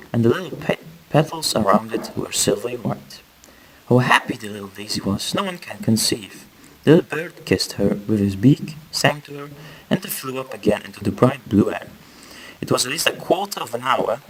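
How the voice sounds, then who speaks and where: A man reading a fairy tale aloud in an expressive storybook-opening manner, speaking straight to the listener and now and then stumbling over a word. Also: mid-range voice, low-quality recording. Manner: storybook-opening delivery, addressing the listener directly.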